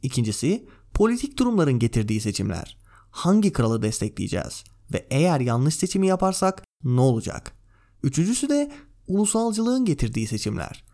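A man's voice: mid-range voice, big pitch swings, fairly quick, dark tone. Man hosting a book review podcast. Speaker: podcast host. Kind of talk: book review podcast with read-aloud passages.

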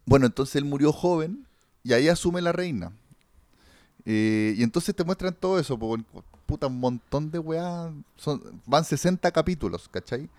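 Hombre chileno charlando, voz algo aguda. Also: male voice, a little high, animated, moderate pace, darkish tone, dry recording. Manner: rambling, slangy, fillers like cachai and weón. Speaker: podcast host. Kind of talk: casual chat reviewing a series.

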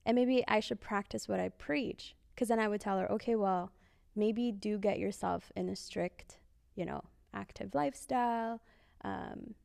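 A woman's voice: medium pitch, measured pace, gravelly, darkish tone, no room sound, clean studio sound. A young woman chatting casually as a podcast co-host. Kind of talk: casual chat.

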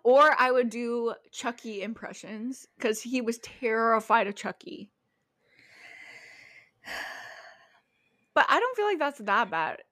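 A young woman co-hosting a casual podcast, telling stories in an animated, giggly way on a close mic. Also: fairly high pitch, slow, long pauses. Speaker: podcast co-host. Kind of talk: casual chat.

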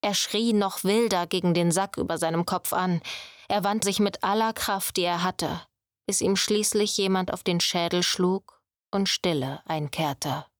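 A woman's voice: lowish voice, unhurried, no echo. Woman narrating a fantasy audiobook, dry studio sound. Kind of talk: scripted narration.

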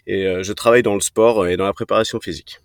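A fitness coach in his thirties from Brittany, France, answers a podcast interview casually, often hesitating with fillers and restarting sentences. His voice is on the low side with fairly even intonation and a quick pace. The clean studio sound has no room echo.

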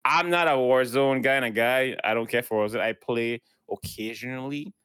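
A man's voice: mid-range voice, normal speed, fairly bright tone, smooth, no room sound, studio quality. A man co-hosting a casual gaming podcast, giving blunt, dismissive opinions. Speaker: podcast co-host.

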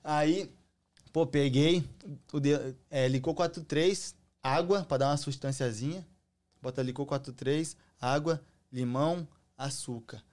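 A man's voice: a little high, measured pace, darkish tone. A young man with a Brazilian Portuguese accent chatting casually as a guest musician, telling stories in boastful street slang with plenty of swearing. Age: young adult. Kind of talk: casual chat.

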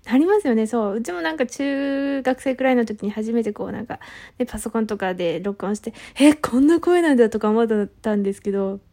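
A young woman hosting a casual solo audio talk, excitable and flustered, apologizing and laughing at herself as she talks in blunt, boyish casual speech. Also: a little high, a little fast. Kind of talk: casual solo chat, reading a listener letter.

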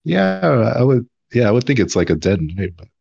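A young adult man hosting a casual podcast chat, playful and quick to laugh. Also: mid-range voice, big pitch swings, vocal fry, darkish tone, breathy edge, dry recording, dull audio. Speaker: podcast host.

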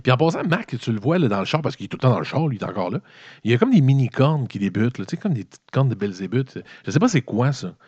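With a medium-pitched, quick voice that has a breathy edge, a Québécois man rambles through a comedic movie recap, swearing often. His colloquial storytelling is animated, and the dry, dull lo-fi recording has no echo.

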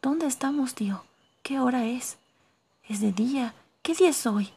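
A woman's voice: high voice, expressive, moderate pace, gravelly, mellow, slight background noise, pitched above the performer's own voice. A woman voicing a weak, frightened young man lost underground, in whispered role-play, stammering and anxious. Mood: confused.

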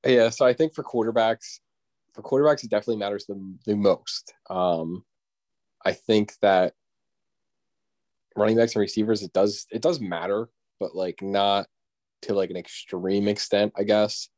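A man's voice: lowish voice, fairly even intonation, normal speed, darkish tone. A young man in casual sports chat, hesitant and filler-heavy, hedging his points. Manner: hesitant, full of "um" and "like", laughs often. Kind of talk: casual fantasy football chat.

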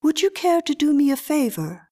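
A woman's voice: sits high, big pitch swings, normal speed, mellow, voice pushed up. A woman voicing a composed, strangely self-possessed little girl who speaks politely and precisely.

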